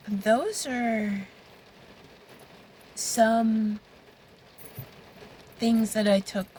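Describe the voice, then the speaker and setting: A woman's voice: medium pitch, gravelly, low-quality recording. A woman author talking casually in a vlog from inside a parked car, rambling and thinking aloud with many fillers and restarts. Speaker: romance author. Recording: faint rain noise on the car. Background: rain falling on the car.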